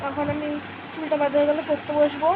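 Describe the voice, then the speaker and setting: Hoarse young woman vlogging at home. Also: sits high, monotone, quick pace, phone-quality sound, noisy background. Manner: chatty, showing things to camera. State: hoarse, stuffy nose from a cold. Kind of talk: casual vlog narration.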